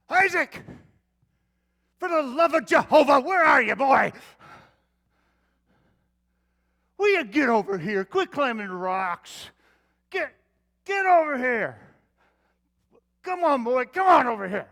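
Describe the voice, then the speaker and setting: A man's voice: very high voice, pushed and bright, exaggerated voice. A man acting as the aging patriarch Abraham, speaking in a theatrical monologue to his young son. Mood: calling, exasperated. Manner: theatrical monologue, calling out, then tender and confiding. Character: aging male patriarch Abraham, weary and devoted father. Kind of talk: dramatic Bible-character monologue.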